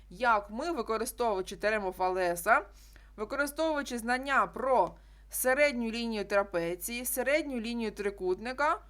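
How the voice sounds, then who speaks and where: A woman's voice: fairly high pitch, fairly bright tone. A woman teacher explaining a geometry problem step by step, repeating key statements. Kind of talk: classroom math lesson.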